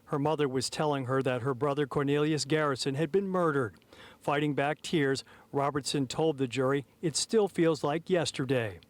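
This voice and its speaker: Male TV news reporter, fairly high register, formal measured live delivery, recorded outdoors in the city. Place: outdoors outside a city courthouse. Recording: live outdoors on an urban street.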